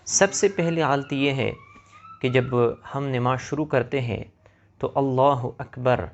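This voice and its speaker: A man teaching viewers how to pray correctly, demonstrating recited phrases slowly and carefully. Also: medium pitch, lo-fi sound, slight background noise. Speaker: religious teacher. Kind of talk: explaining prayer rules to viewers.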